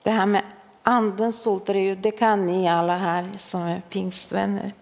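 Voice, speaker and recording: A woman's voice: mid-range voice, level tone, creaky, a little mellow. A woman in her forties preaching a sermon to a congregation, humorous and self-mocking, laughing along with the listeners. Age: 40s. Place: church hall. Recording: long hall reverb.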